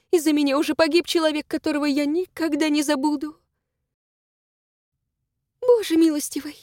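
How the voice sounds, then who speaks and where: A woman's voice: very high voice, darkish tone, no room sound, clean studio sound, voice pushed up. A woman voicing a desperate young woman clinging over a cliff, pleading and sobbing in an audiobook.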